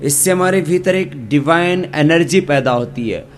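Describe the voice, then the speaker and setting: Indian man, yoga teacher, drawn-out mantra chanting, faint background music. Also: on the high side. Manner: slow, drawn-out chanting, correcting pronunciation.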